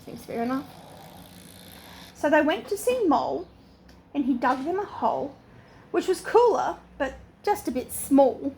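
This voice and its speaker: High-voiced sweet old lady reading a storybook. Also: unhurried, creaky, long pauses, a little hiss or hum. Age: older. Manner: animated, expressive reading. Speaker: grandmother reading to grandchildren. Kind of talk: storybook read-aloud with chatty asides.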